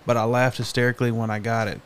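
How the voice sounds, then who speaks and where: A man's voice: medium pitch, little pitch movement, fast, slight background noise. Playful male podcast host. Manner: playful, teasing, laughs often. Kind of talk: casual podcast chat.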